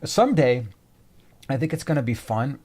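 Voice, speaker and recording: A man's voice: mid-range voice, sing-song, moderate pace, warm tone. A man co-hosting a casual live stream, chatty and joking while he answers viewer questions.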